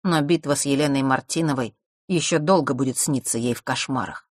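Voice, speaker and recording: Husky low-voiced woman narrator. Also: brisk, no echo, studio quality. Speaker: audiobook narrator. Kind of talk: scripted storybook narration.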